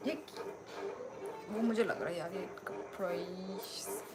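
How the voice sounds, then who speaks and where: Loud music plays behind this young woman from Tripura, India, as she chats on a live stream at a slow, easy pace. Her voice sits at medium pitch, and she stays friendly, reading viewer comments and replying to people by name over steady background noise.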